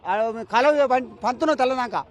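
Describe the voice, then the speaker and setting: Angry high-voiced farmer man. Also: lively intonation, moderate pace. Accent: Telangana Telugu. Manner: angry and defiant. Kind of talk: roadside news interview. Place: outdoors by a canal.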